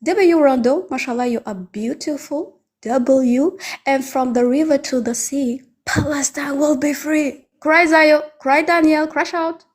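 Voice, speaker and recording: Female panelist, high voice, unhurried mocking delivery. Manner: mocking, taunting. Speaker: livestream debate panelist. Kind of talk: heated live-stream argument.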